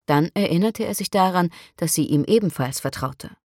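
Low-voiced woman narrating a novel. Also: moderate pace, a little mellow, dry recording, studio quality. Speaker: audiobook narrator. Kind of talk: scripted narration.

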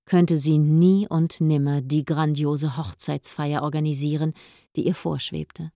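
A woman narrating a novel in a measured, even storytelling manner, as an audiobook. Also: low-pitched, dry recording, clean studio sound. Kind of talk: scripted narration.

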